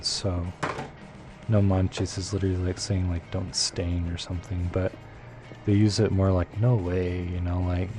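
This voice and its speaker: Low-voiced man chatting over game music. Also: darkish tone. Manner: rambling, filler-heavy, thinking aloud. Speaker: live-streamer. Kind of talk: casual chat with viewers while playing.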